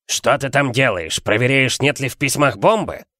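A man reading an audiobook, voicing a blustering, bullying middle-aged uncle with a gruff, contemptuous manner, in a dry recording. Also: medium pitch, normal speed, sharp tone, no room sound, natural voice. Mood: angry shouting.

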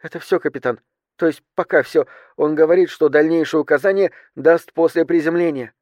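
A frightened young flight attendant speaks in a raised, hushed voice, keeping her composure as she reports, played by a male narrator. The sound is close and dry. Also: a little high, fairly quick, no room sound, voice pushed up, lightly acted. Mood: tense, hushed.

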